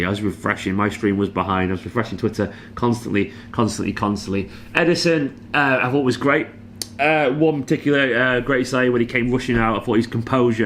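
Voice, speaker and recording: A man's voice: lowish voice, a bit bright, slight background noise. A hungover, exhausted man giving a casual, weary football reaction as a fan channel host. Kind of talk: casual post-match reaction monologue.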